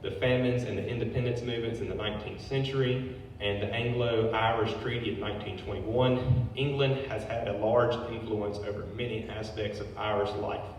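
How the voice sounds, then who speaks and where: A man with a low, steady voice speaks at a moderate pace with hardly any pauses, reading a public history talk from notes. He's a brewery owner and drops casual asides between passages. The hall is very echoey, the mic far off, with faint noise.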